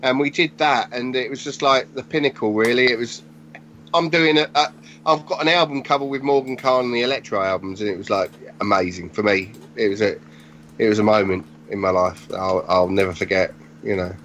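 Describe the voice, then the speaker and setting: A man in his forties, a graffiti artist guest on a podcast, telling stories in casual chat with animated energy and casual swearing. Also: lowish voice, fairly quick, a little hiss or hum. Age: 40s. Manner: animated storytelling, swears freely. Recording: dull lo-fi podcast audio.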